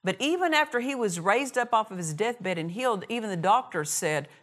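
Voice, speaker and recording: A woman's voice: mid-range voice, animated, fairly quick, fairly bright tone. A woman preaching a sermon in a church, with emphatic repetition and short punchy phrases. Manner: emphatic, repeats key phrases, acts out quoted dialogue.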